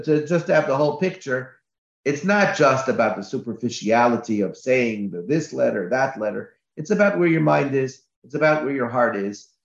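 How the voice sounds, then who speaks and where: A man, a rabbi, giving a Torah class with emphatic repetitions, recorded lo-fi in an echoey room. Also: mid-range voice.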